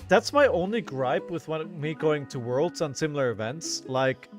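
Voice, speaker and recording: A hoarse man on a headset mic, casually commenting on a live card game while he plays, halting and repeating words as he thinks aloud. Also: on the high side, faint music behind. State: hoarse, coughing.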